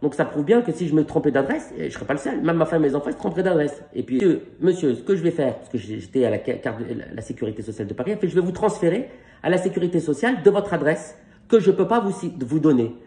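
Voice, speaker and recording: Middle-aged male comedian, rapid-fire animated storytelling, slightly high voice. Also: echoey room. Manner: animated, acts out phone calls in quick back-and-forth. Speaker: stand-up comedian. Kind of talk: stand-up storytelling. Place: stage.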